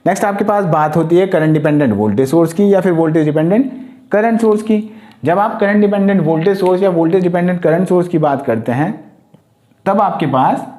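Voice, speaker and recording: A man's voice: high-pitched, expressive, fast talker, warm tone. A man teaching a lesson for competitive-exam students, explaining step by step and speaking directly to his students. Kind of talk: exam-prep lecture.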